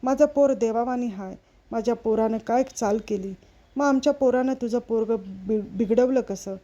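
A woman's voice: fairly high pitch, normal speed, warm tone, muffled recording, natural voice. A woman voicing a hot-headed, blustering village father in a storybook reading, with rustic, agitated speech. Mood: indignant.

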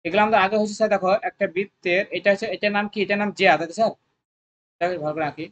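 Coaching-centre math tutor, mid pitch, rapid, drills students with constant questions. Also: steady tone, highs cut off. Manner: coaxing, repetitive. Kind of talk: exam-prep math lesson.

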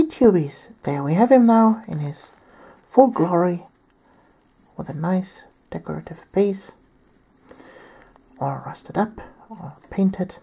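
Woman w a cold doing a painting tutorial, low breathy voice, nearly whispering. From Germany. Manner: soft-spoken, often near a whisper. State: has a cold, clearing throat often. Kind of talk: step-by-step tutorial narration.

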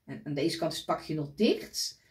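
A woman reading a picture book aloud to children, gently pointing out the pictures as she goes. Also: deep voice, very animated, normal speed.

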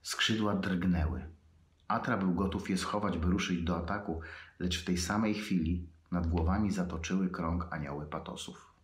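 A man with a very deep voice reads his own fiction aloud. His reading is measured and unhurried, with pauses between phrases. The voice sounds in an echoey room. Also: steady tone.

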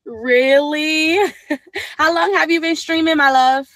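A woman's voice: sits high, steady tone, slow, fairly bright tone, no echo. A woman hosting a casual livestream chat, laughing often and calling viewers "my love". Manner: laughs often, affectionate, calls people "my love". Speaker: livestream host.

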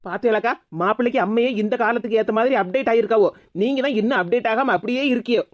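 A gossipy younger aunt in a cartoon chatters quickly with a Kanyakumari Tamil accent, voiced by a woman. Her voice sits slightly high. The recording is dull and lo-fi. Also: no echo, lightly acted. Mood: chatty. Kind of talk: animated cartoon voice acting.

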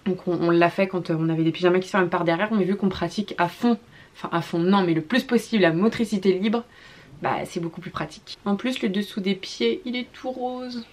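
A young woman talks through a baby clothes haul in a relaxed vlog. She gushes and piles up repeated words, and she fills her pauses with soft hesitations. Her voice sits in a middle range for a woman. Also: mid-range voice. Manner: gushing, repeats "trop, trop" and fills with "euh". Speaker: vlogger, mother showing a baby clothing haul.

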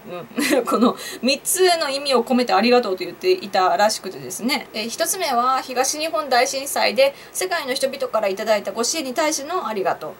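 A woman's voice: fairly high pitch, lively intonation, fairly quick, hardly any pauses, slight background noise. A young woman vlogger chatting on her own to viewers, laughing at her own jokes and asking them questions. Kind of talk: casual solo commentary to camera.

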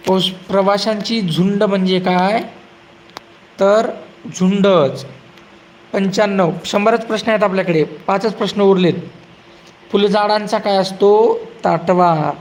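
Guy doing quiz questions for exams, high voice, slow, drags out the answers. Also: low-quality recording. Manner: asks a question, then gives the answer slowly and drawn out. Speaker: exam-prep quiz teacher.

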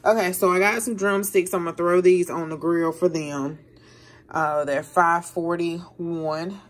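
A woman's voice: fairly low pitch, slight background noise. A middle-aged woman, rambling chattily to viewers about her grocery haul in her kitchen. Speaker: vlogger showing a grocery haul. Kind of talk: casual chat to viewers. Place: home kitchen, indoors.

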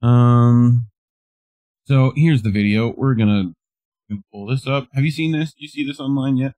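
A man's voice: mid-range voice, moderate pace, mellow, no room sound, rough recording. Dry-voiced man reading news with wry asides. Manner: reads articles, breaks off with laughs and wry asides. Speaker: co-host. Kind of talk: reading news aloud and commenting.

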